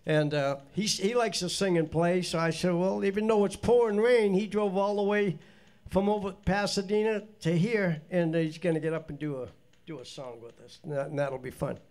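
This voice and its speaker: With a stuffed-up nose from a cold, an older man hosts a stage show and leads the band, talking casually to the live crowd through a stand mic in a small indoor studio. His voice is high but darkish in tone, at normal speed, and his chatty, folksy remarks wander and restart.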